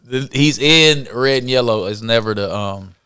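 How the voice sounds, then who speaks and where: A man, a guest musician, chatting casually on a podcast, animated, repeating himself and laughing often. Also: medium pitch, normal speed, smooth.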